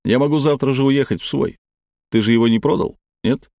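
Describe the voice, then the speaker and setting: A man reading the part of a calm, defiant grown son in an audiobook. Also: mid-range voice, a little fast, creaky, no echo, clean studio sound, voice pushed up, natural voice. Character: young adult son, cool and defiant.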